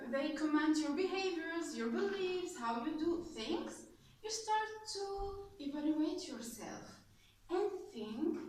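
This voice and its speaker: Young woman from Tunisia, high animated voice, prepared club speech, distant mic. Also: slight background noise. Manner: animated, laughing often, with fillers and restarts. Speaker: club speaker. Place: meeting room with audience. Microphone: far camera. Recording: echoey room from far off.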